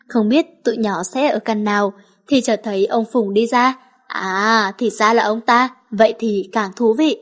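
Lady reading a love story aloud, highish voice, brisk. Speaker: narrator. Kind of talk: storybook narration.

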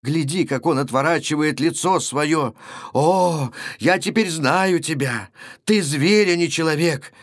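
A man's voice: on the high side, measured pace, no echo, studio quality, close to an everyday voice. A man voicing a grieving young wife who pleads with passion in a storybook reading. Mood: pleading. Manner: impassioned, pleading.

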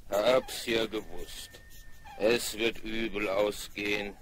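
A man's voice: mid-range voice, measured pace, sharp tone. A man voicing a cautious, well-meaning toy friend in a 1970s radio play, worried and hesitant as he gives advice. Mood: concerned. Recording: hissing old vinyl record.

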